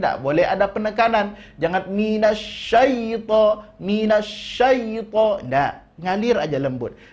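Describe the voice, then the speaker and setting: A man teaching correct Quran recitation, explaining slowly and drawing out each demonstrated word. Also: high-pitched, a little mellow. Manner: slow, deliberate explanation, drawing out demonstrated words. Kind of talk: tajwid lesson with modeled recitation.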